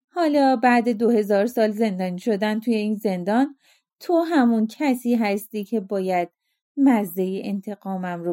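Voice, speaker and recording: A woman's voice: mid-range voice, darkish tone, close to an everyday voice. A woman voicing a vengeful ancient genie. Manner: menacing, bitter, boastful. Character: vengeful ancient male genie freed from a bottle.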